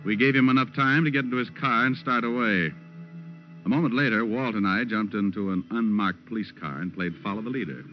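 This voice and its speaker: An American actor plays a wisecracking, hard-boiled private detective, cool and sardonic, narrating an old 1940s-50s radio crime drama in slangy style. His male voice is lowish and a little fast, lightly acted, with a wry, cool mood. The old radio recording is muffled and has music.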